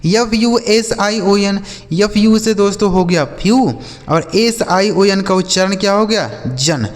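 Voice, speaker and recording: A man with a Hindi accent teaching English spelling, spelling out letters slowly and asking questions that he answers himself. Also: sits high, in a large hall. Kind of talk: spelling lesson.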